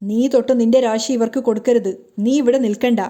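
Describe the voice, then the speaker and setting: A woman's voice: a little high, fairly even intonation, a little fast, warm tone, close to an everyday voice. Woman reading as a scornful in-law. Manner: contemptuous, commanding. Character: scornful woman belittling her poor daughter-in-law.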